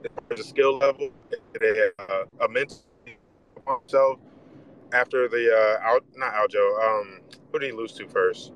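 A man's voice: fairly low pitch, normal speed, a bit bright. A man calls in over a bad connection that keeps cutting out, and he sounds distant from the mic. He talks casually and hesitantly, with plenty of "uh"s. Faint noise sits under his voice. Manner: hesitant, lots of "uh". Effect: bad, breaking-up call connection. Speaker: caller. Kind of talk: casual call-in chat. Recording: distant, patchy call line.

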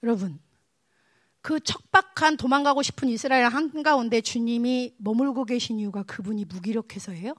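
A woman evangelist preaching a sermon with personal testimony, emotional and animated, sometimes dropping to a hush. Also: fairly high pitch, moderate pace, dry recording, studio quality. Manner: emotional, animated, swings to hushed tones.

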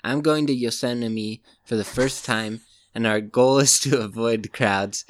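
A man's voice: mid-range voice, unhurried, no echo. Regular-voiced guy on a podcast reading listener questions, chill, dry close mic. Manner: easygoing, reads questions aloud, laughs often. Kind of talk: casual chat.

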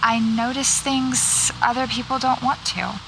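An American actress voices a guarded, wry horror writer in a naturalistic audio drama, delivering her lines tersely and dryly. Her voice is fairly high, steady in tone, unhurried, and creaky, set against a noisy background.

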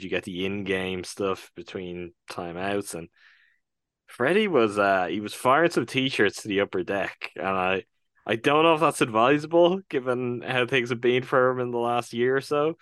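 A man co-hosting a sports podcast, talking in a relaxed, wry way. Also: lowish voice, moderate pace, no room sound. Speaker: podcast co-host. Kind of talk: casual sports podcast chat.

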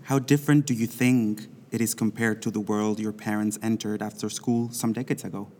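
A man's voice: on the low side, steady tone, fairly quick, a little mellow, long reverb tail, slight background noise. A man hosting an education podcast, reading scripted introductions and questions in a formal way. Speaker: podcast host.

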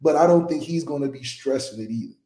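A man co-hosting a sports talk show, talking in a loose, jokey, animated way and slipping into quoted voices. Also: a little high, quick pace. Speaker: co-host, sports analyst. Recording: roomy echo.

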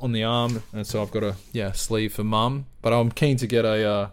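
A man in his thirties from New Zealand with an Australian accent, chatting casually in an interview, relaxed and quick to laugh. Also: fairly low pitch, clean tone. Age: 30s. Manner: relaxed, laughs easily, many fillers. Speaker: interviewee, camera operator.

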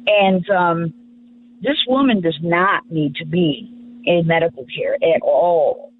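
A woman's voice: on the low side, slow. A woman calling in to a talk radio show, her voice muffled as if heard through a door over a speakerphone. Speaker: caller. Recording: muffled phone line with faint hum.

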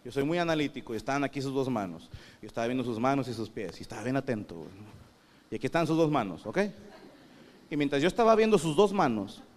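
A man's voice: medium pitch, lively intonation, fast, slight background noise. A man with a northern Mexican accent delivering a crude, self-mocking stand-up comedy monologue. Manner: crude, self-mocking, acts out quoted voices.

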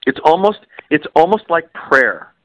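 A man's voice: a little high, sing-song, a little slow, fairly bright tone, no echo, poor audio. A man co-hosting a podcast about coaching and parenting, talking earnestly and repeating key phrases for emphasis. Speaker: podcast co-host. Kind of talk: podcast conversation.

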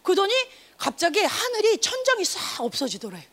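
High, bright, animated woman preaching. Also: moderate pace. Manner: animated, emphatic, call-and-response preaching. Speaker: youth pastor. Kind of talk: energetic youth sermon.

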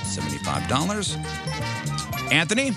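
A man's voice: fairly high pitch, wildly swooping pitch, moderate pace, music in the background. A man hosting a radio game segment like an announcer, repeating bids and drawing them out for suspense.

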